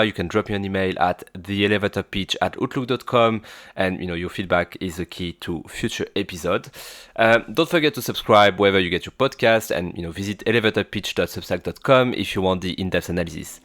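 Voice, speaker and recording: Deep-voiced French-accented podcast host. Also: male voice, fairly bright tone, no echo, clean studio sound. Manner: hesitant, many fillers and restarts. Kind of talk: solo stock-analysis podcast. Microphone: new podcast mic.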